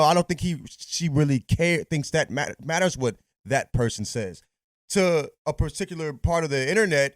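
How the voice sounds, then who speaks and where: A man co-hosting a casual podcast, laughing freely and tagging his points with "you know what I mean." His slightly high voice swings widely in pitch. He sounds close and dry on the mic. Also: no echo. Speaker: podcast co-host. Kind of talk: casual chat.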